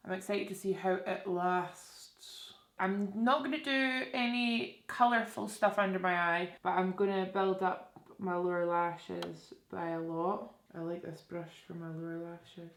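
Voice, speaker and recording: Speaking at a medium pitch, a young woman with a Scottish accent guides viewers through a makeup tutorial, keeping it informal and frequently asking them questions. She's a Scotland-based beauty vlogger, and the audio sounds roomy and echoey, as if recorded indoors.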